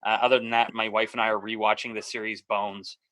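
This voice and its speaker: A man's voice: on the low side, little pitch movement, quick pace, fairly bright tone, no echo. A middle-aged man from Canada co-hosting a casual podcast, rambling along with lots of fillers. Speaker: podcast co-host. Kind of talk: casual chat.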